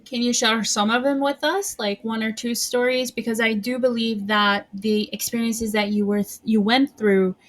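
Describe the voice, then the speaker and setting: A woman's voice: a little high, fairly even intonation, moderate pace, few pauses. A woman hosting a podcast, asking long, polite, encouraging questions. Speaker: podcast host. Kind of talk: interview questions.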